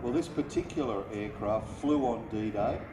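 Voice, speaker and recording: Male airshow commentator, informative, measured phrasing, echoing distant PA, loud engine noise behind. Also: on the low side. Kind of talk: live airshow commentary on aircraft history. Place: outdoor air festival over loudspeakers. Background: aircraft and vehicle noise, outdoor ambience.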